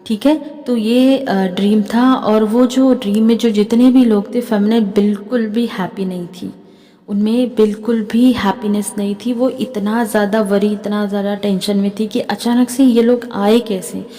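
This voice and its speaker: A woman's voice: medium pitch, steady tone, normal speed, warm tone, big-room sound. A woman with an Indian accent, a spiritual healer and tarot reader, talking to camera in a chatty way and often checking in with her listeners. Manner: chatty, keeps adding "theek hai". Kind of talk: spiritual channeling talk to camera.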